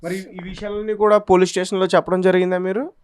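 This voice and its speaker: A man's voice: high-pitched, level tone, quick pace, clear, resonant tone, no room sound. Dry-sounding male interviewer, brief questions. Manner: brief acknowledgments, short probing questions.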